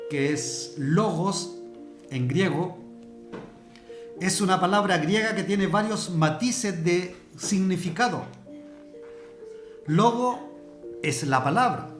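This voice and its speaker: Preacher, man, talks to his class plainly with everyday examples, roomy hall sound. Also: on the high side. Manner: conversational, explains with everyday examples. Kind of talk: church discipleship teaching. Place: church hall.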